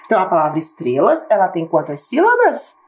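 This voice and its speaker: A woman teacher with a Brazilian Portuguese accent giving a recorded lesson for schoolchildren, asking questions and slowing down to spell out syllables. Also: fairly low pitch, wildly swooping pitch, a little mellow. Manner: patient, rising question-and-answer tone, slows to spell out syllables.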